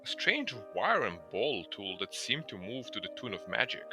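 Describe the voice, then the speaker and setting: A man reading a game's story aloud to friends in an expressive storybook manner. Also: medium pitch, normal speed, over music. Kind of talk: reading game text aloud.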